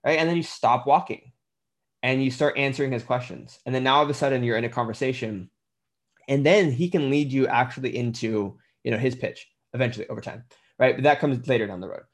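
A man's voice: mid-range voice, brisk. A man coaching personal trainers on their business in a blunt, conversational way, with the odd swear word. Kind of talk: casual instructional talk.

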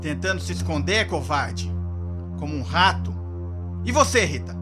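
A woman playing a jealous, enraged man who shouts threats at his rival. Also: sits low, animated, normal speed, over loud music. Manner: bellowing threats.

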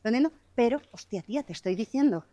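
Woman rattling off stories on a dog walk, bit high pitched, super fast, swears a lot, dry close sound. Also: dry recording. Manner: fast, animated storytelling with swearing; tearful-prone, emotional retelling. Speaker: podcast co-host. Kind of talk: casual chat while walking dogs. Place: outdoors on a street, walking a dog.

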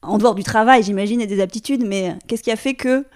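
A woman hosting a podcast, reading a lively scripted welcome over music, then asking her guest questions. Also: mid-range voice, fast. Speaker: podcast host.

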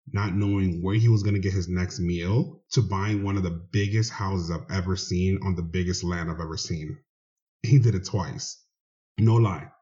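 Low mellow man introducing a guest. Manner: earnest, admiring, conversational. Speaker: host. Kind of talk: casual spoken introduction. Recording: dull lo-fi recording.

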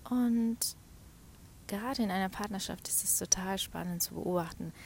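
A woman talking personally and reflectively, often dropping to a soft half-whisper and laughing between thoughts. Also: mid-range voice, normal speed, vocal fry, slight background noise. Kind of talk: personal talk about her cycle.

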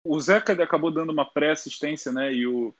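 Brazilian male co-host, rapid slangy chat, lo-fi muffled mic. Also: a little high. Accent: Brazilian Portuguese. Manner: quick, slangy, ends points with 'né?'. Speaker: podcast co-host. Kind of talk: casual sports podcast chat. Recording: dull lo-fi mic.

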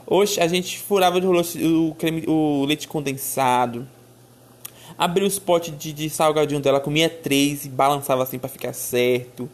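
A woman telling a childhood story in a casual, animated, exclamatory way. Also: sits low, moderate pace. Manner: animated, exclamatory, addresses listeners as "minha filha".

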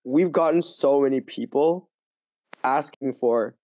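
As a guest on a casual interview podcast, a language teacher with a medium-pitched voice tells stories animatedly, stumbling into fillers and quick restarts along the way. His audio is muffled and dull, dry and close, with no echo.

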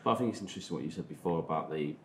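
Male podcast host, Manchester accent, very deep register, rephrases as he goes, faint background noise. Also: rapid-fire, a bit bright. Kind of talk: casual discussion of digital marketing. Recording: roomy echo, faint noise.

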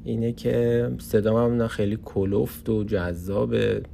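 Tired guy rambling into a podcast mic alone in a little office, gravelly low voice, lots of ums and pauses. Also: steady tone, warm tone, a little hiss or hum. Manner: hesitant, many pauses and fillers. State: tired from lack of sleep. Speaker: podcast host. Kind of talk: unscripted personal podcast monologue.

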